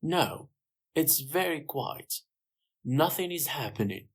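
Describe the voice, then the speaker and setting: A narrator voicing Sue, a calm young policewoman, in a clear, slightly raised voice. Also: mid-range voice, takes it slowly, full character voice. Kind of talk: graded-reader story voice.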